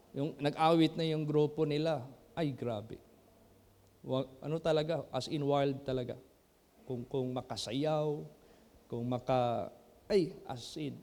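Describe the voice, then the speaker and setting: A male pastor preaching a sermon, mixing English phrases into his talk, swinging between loud outbursts and quiet stretches. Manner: preaching with big swings in loudness and pitch, mixing English into Tagalog. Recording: echoey hall with long reverb.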